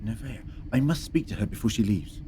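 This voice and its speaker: A man acts a protective time-travelling doctor in a sci-fi audio drama. He speaks earnestly and carefully in a medium-pitched voice. Ship ambience is clearly audible behind. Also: animated, fairly quick, noisy background, close to an everyday voice. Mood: curious, concerned.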